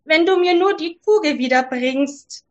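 A woman's voice: high-pitched, unhurried, muffled recording, voice pushed up. A woman voicing a spoiled young princess in a fairy tale, hesitating with fillers. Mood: eager.

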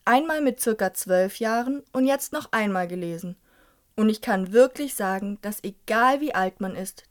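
A young woman giving a scripted book review, reading from a children's novel in a clear, even storytelling manner. Her pitch sits in the middle for a woman. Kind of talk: scripted book review with a read-aloud excerpt.

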